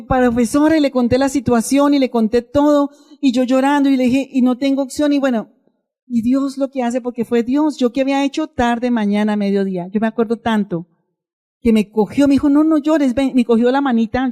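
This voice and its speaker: A woman's voice: a little high, dark tone. A woman pastor giving a sermon, telling a personal testimony in a conversational, emotional way and addressing the congregation directly.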